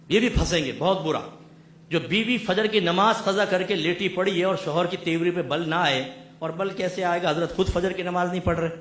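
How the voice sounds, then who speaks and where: A man preaching a sermon as a mufti, impassioned and swinging from soft speech to loud exhortation, calling his listeners his children. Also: a little high, roomy sound, a little hiss or hum. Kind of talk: sermon to a gathering.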